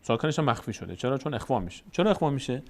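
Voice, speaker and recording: A man teaching Quran reading rules, explaining each sound and then slowly drawing out the recited words. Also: mid-range voice, very animated, darkish tone. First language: Tajik. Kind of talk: recorded tajweed lesson.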